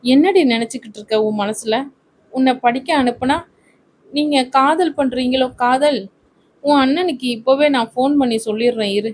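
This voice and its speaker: A woman voicing a hot-tempered young woman who scolds her friend fast and loud in a storybook reading. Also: sits high, slight background noise, lightly acted. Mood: angry scolding.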